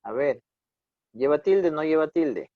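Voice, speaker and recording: A man with a Peruvian Spanish accent teaching an online class, patiently correcting his students and tagging his sentences with quick checks. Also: on the high side, lively intonation. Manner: corrective, patient, repeats "¿no?" often. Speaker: instructor. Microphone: computer mic on a video call. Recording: dull dry video-call audio.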